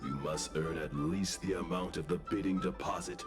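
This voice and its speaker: An actor playing a proud, stubborn merchant guild president who speaks in a measured, formal way. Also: male voice, low-pitched, fairly even intonation, close to an everyday voice. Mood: stern. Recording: game audio over loud music.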